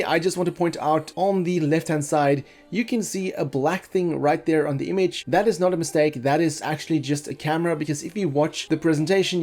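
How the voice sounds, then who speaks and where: A man hosting a commentary video, calmly explaining details of film concept art and thinking aloud as he goes. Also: on the high side. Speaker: video host.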